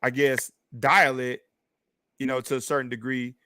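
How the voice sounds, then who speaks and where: A man's voice: mid-range voice, level tone, normal speed, pushed and bright, slight background noise. A man from Fort Worth with a Texan accent, hosting a casual chat show and rambling while he reads out viewer comments. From Texas, Fort Worth. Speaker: podcast host.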